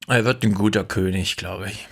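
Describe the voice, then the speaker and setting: A man's voice: fairly low pitch, fairly even intonation, normal speed, creaky, very noisy. A male podcast host talking in an offhand, jokey way. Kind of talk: casual chat.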